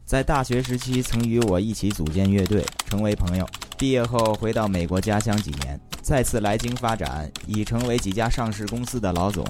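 A man's voice: fairly low pitch, fairly quick, few pauses. A man with a Beijing accent narrating scripted comedy in a wry, mock-formal manner. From Beijing, China. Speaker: comic storyteller. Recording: clear background noise with keyboard clicks.

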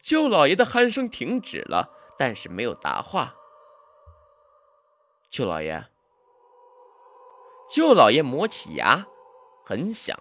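A man narrating a horror story in a dramatic, suspenseful way, swinging between hushed and loud delivery. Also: fairly high pitch, huge pitch swings, moderate pace.

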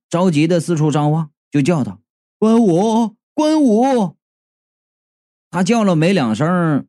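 A man narrating a story in a lively, expressive way. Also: on the high side, no echo, clean studio sound.

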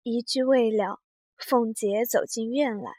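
A woman narrating a classic novel in a measured, unhurried storytelling reading. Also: on the high side, fairly even intonation, warm tone, no room sound.

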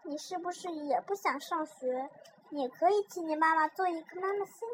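A woman voicing a small, curious schoolboy who asks earnest questions quietly. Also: very high voice, normal speed, slight background noise, poor audio.

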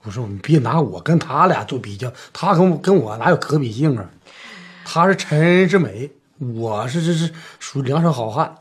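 A man's voice: medium pitch, animated, moderate pace, close to an everyday voice. An actor playing a kindly rural village man who talks plainly and coaxingly in a TV drama. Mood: reassuring. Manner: soothing, plain-spoken, coaxing. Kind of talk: TV drama acting.

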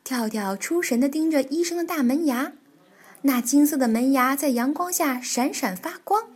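A woman reading a children's picture book aloud as a storyteller, animated and expressive. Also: high-pitched, moderate pace.

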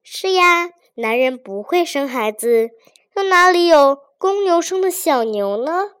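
A woman voicing a clever young daughter-in-law who speaks gently and outwits an official. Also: very high-pitched, lively intonation, no echo, clean studio sound, pitched above the performer's own voice, exaggerated voice. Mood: sly. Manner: gentle, quick-witted, soft-spoken.

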